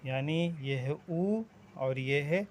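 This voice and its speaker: Slow, patient man teaching vowels. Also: mid-range voice, very noisy. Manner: patient, drawn-out vowel demonstrations. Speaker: language teacher. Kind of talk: slow spoken language lesson.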